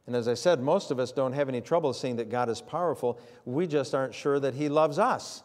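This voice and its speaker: A man's voice: medium pitch, fairly quick, darkish tone. An older man, preaching a sermon in a folksy storytelling way. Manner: folksy storytelling with many fillers. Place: church sanctuary. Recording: long hall reverb in a church.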